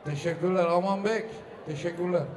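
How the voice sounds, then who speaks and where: High-pitched booming male wedding announcer. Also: steady tone, a little fast. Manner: ceremonious, calling out blessings and requests for applause. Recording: live hall with crowd noise. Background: crowd and ambient noise.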